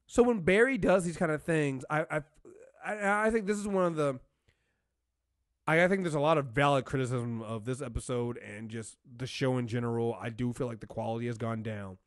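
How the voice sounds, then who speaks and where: Reviewing a TV show on his podcast, the host chats casually, states his opinions emphatically, and keeps circling back to repeat phrases. He has a mid-range voice and a brisk pace, heard in clean studio sound with no room sound.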